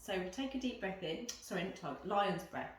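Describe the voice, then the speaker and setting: A woman's voice: mid-range voice, expressive, brisk. A woman guiding a yoga and breathing lesson, giving informal step-by-step instructions and explanations to the camera. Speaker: yoga teacher. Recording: roomy echo, voice at some distance.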